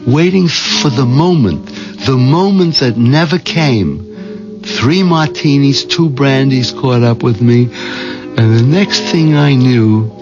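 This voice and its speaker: An actor playing a meek, oppressed middle-aged husband in a 1970s radio drama, speaking quietly and wearily as he narrates. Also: medium pitch, animated, slow. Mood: brooding. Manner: quiet, weary, subdued. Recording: dull vintage radio recording with music.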